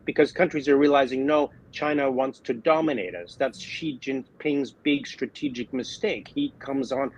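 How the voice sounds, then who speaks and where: A man arguing his point briskly on an opinion panel, often restarting his phrases. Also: mid-range voice, muffled recording. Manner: brisk, argumentative, trailing restarts. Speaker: opinion columnist. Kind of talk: panel discussion.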